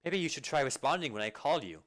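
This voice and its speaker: A man voicing a dutiful young female soldier who calls out loudly and speaks politely and earnestly. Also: a little high, expressive, fast, voice pushed up. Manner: loud calling, polite and earnest. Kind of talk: amateur video game fan dub.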